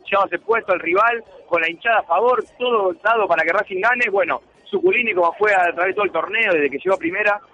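A man's voice: high-pitched, fast talker, few pauses, pushed and bright. An Argentine man giving live radio reports and comment on a football match. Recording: dull radio sound, faint noise.

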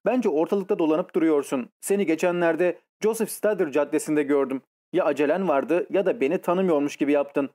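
A woman's voice: low-pitched, brisk, few pauses, mellow. A man reading an audiobook and voicing a playful young woman who coaxes and mocks. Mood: teasing. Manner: coaxing, mocking.

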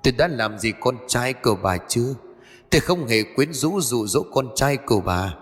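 A man voicing the vengeful ghost of a young woman, accusing her killer in a bitter, rapid voice. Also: mid-range voice, animated, big-room sound, faint music behind, lightly acted.

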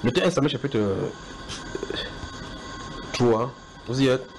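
A man's voice: mid-range voice, expressive, measured pace, music in the background, low-quality recording. A man preaching a sermon in a house church, often repeating his points and asking his listeners whether they follow. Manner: repetitive, questioning the listeners directly.

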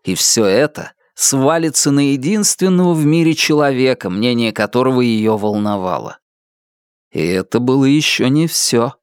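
A man reading an audiobook in a steady, dramatic storytelling manner. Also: mid-range voice, normal speed, clear, resonant tone, no room sound, studio quality. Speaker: audiobook reader. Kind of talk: scripted narration.

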